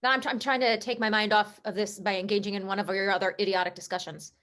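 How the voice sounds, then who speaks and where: A woman playing a heartbroken, sharp-tongued young sports reporter in a comedy play reading over a video call, swinging into emotional, sarcastic outbursts. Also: mid-range voice, fairly even intonation, fast, natural voice. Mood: distracted.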